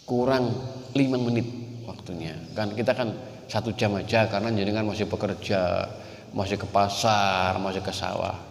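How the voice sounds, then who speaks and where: A man's voice: sits high, a bit bright. A male preacher with a Javanese accent, giving a folksy sermon and talking straight to his listeners. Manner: folksy, addresses listeners as Pak and Bu, mixes in Javanese. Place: mosque or community hall. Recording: echoey hall with long reverb.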